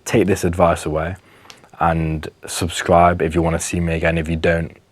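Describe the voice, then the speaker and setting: A man's voice: low-pitched, flat delivery, normal speed, dry recording. A young man talking earnestly to camera, giving health advice with emphasis and some restarts. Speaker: wellness vlogger. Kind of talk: casual advice monologue to camera.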